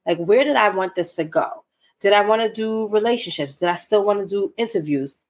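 A woman with a mid-range voice hosts her own solo podcast, speaking briskly. Nasal and congested from a cold, she talks candidly and emphatically to her listeners.

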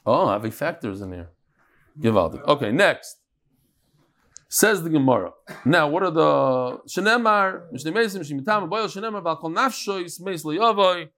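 Male Talmud teacher, higher-pitched. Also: lively intonation, normal speed, a bit bright. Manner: conversational, switches between English and Hebrew-Aramaic terms. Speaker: religious teacher leading a Talmud class. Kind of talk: informal Talmud lesson, reading and explaining.

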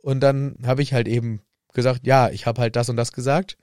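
A man co-hosting a casual podcast about a book, telling stories and jumping into high mock voices when he quotes characters. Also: level tone, brisk, a little mellow, clear, resonant tone, no echo, studio quality. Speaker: podcast co-host.

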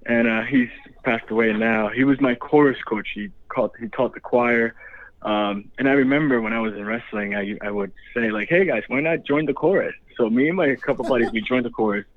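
A man's voice: mid-range voice, brisk, a little hiss or hum. A young man from the Dominican Republic, a guest actor chatting casually, laid-back and laughing often. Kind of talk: casual interview. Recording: tinny phone line.

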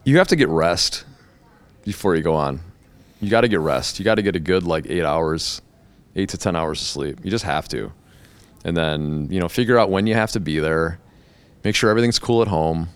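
A man's voice: low voice, moderate pace, clean tone, dry recording. A middle-aged man talking casually as a podcast guest, blunt and joking, swearing now and then. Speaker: guest, hair educator.

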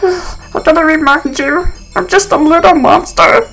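A woman's voice: very high-pitched, measured pace, creaky, fairly bright tone, soft background music, pitched above the performer's own voice, heavily acted, low-quality recording. A woman voicing a playful little monster who hosts a spooky story show, with a bouncy, sing-song delivery. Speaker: host.

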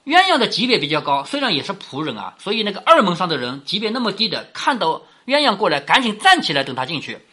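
Woman storyteller, lively intonation, bright slightly husky voice, chatty explainer. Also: lowish voice, quick pace, few pauses. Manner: chatty, rhetorical questions, laughs while explaining. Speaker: storyteller explaining a classic novel.

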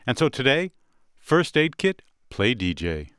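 A man's voice: medium pitch, big pitch swings, measured pace, a bit bright, smooth, no room sound. A man hosting a music podcast, introducing guests and asking curious questions in a radio studio. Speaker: podcast host.

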